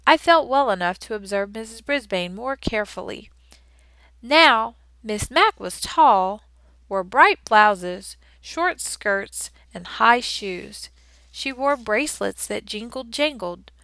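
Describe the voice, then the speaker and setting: A woman narrating a children's audiobook in the first person as a classroom hamster, with expressive, playful storytelling and lively emphasis. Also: fairly high pitch, no room sound.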